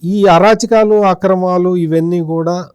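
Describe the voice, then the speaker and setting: A man's voice: sits high, fairly even intonation, a little slow, darkish tone, smooth, no echo, clean studio sound. A man, a senior journalist, giving accusing political commentary in an interview, firing rhetorical questions at an absent politician.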